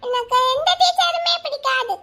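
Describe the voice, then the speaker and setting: A woman doing a stubborn little cartoon boy. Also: bright, forceful tone. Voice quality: very high, slow childish lisping talk. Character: stubborn little boy who dislikes girls. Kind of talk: cartoon voice acting.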